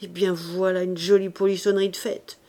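A despairing old rustic man, voiced by a woman reader, his words coming loud and raised above her usual tone. He rambles to himself in old country speech, all agitation and grief. It is an audiobook storybook reading. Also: on the low side, level tone, fairly quick, close to an everyday voice. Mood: frantic. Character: old male gardener, frantic and despairing.

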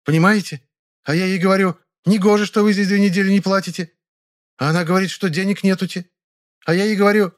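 Man putting on a shrill rustic chatterbox maid. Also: natural voice. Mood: indignant. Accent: rural Russian dialect speech. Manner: rapid indignant rustic chatter. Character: loud chattering rustic maid, woman around thirty.

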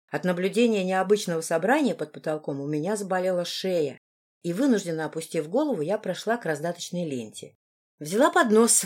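A woman reading a first-person audiobook in an even, measured way. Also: lowish voice. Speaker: audiobook narrator.

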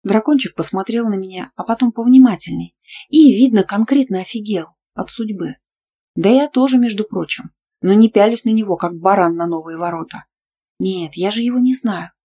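A woman narrating a first-person audiobook in a lively, playful, ironic way. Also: mid-range voice, moderate pace.

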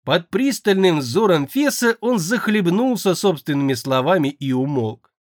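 A man narrating a fantasy audiobook in an expressive, theatrical way. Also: a little high, moderate pace, dry recording, clean studio sound.

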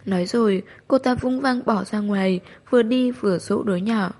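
Woman narrating a novel, mid pitch. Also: moderate pace, mellow. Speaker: storyteller.

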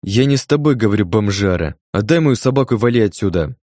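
A man voicing a shrill, hysterical middle-aged woman, the owner of a dog, in an audiobook. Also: animated, moderate pace, darkish tone, no room sound, studio quality, close to an everyday voice. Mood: screeching. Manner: shrill, screeching. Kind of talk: audiobook character voice.

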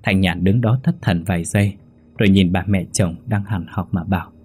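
A man narrating a scripted story in a steady, measured reading. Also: deep voice.

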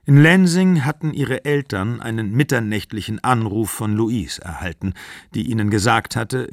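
A man reading a literary novel aloud as an audiobook, measured and even in a studio. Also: fairly low pitch, no echo. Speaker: audiobook reader.

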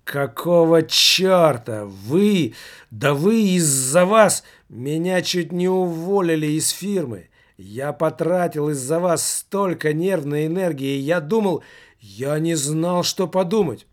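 A man's voice: a little high, lively intonation, takes it slowly, voice pushed up. A man voicing a tense, stubborn male office worker who presses his questions in a heated, insistent way. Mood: furious.

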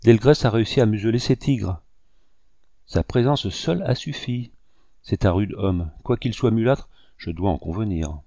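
A proud, composed young creole woman from an old adventure novel, read by a man. The lines come soft and even, in a low, dark, gravelly voice. The sound is dry and close. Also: moderate pace, no room sound.

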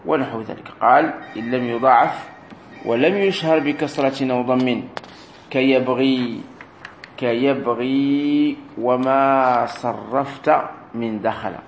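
A man teaching a grammar lesson as a sheikh, explaining slowly, repeating key words and drilling verb forms aloud. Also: medium pitch, steady tone, muffled recording. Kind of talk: recorded classroom lesson. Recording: roomy echo with faint room noise.

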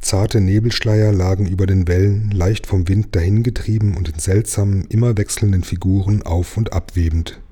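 A man reading a children's book aloud in a steady, expressive storytelling voice. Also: sits low, normal speed, hardly any pauses, slightly rough. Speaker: reader.

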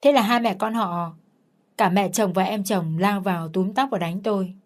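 A woman narrates a first-person story. Her reading is plain and steady, with a mid-range voice. It sounds like a scripted audio story. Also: mid-range voice, normal speed.

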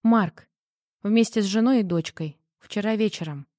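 A woman reading the part of a bossy sister in a hurry, talking briskly and impatiently in an audiobook. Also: mid-range voice, warm tone, no echo, clean studio sound, close to an everyday voice.

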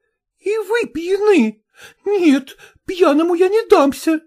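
A shrill, domineering woman who nags everyone around her, pitched well above the reader's own voice and pushed loud, as a woman reads her in a storybook. Every line comes out indignant and commanding. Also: sing-song, normal speed. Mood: indignant scolding. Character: shrill, bossy, quarrelsome woman of the house.

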